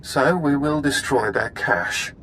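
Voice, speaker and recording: An actor playing a ruthless, commanding imperial military officer in a video game, with clipped, menacing authority. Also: male voice, mid-range voice, takes it slowly, a bit bright, a little hiss or hum. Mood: scheming, stern.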